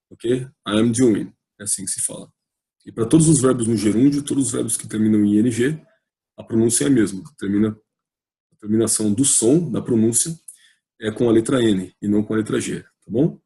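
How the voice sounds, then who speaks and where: A man's voice: on the low side, a little fast, dark tone. A man with a Brazilian Portuguese accent teaching an English grammar video lesson, patient and repetitive, spelling out letters as he explains.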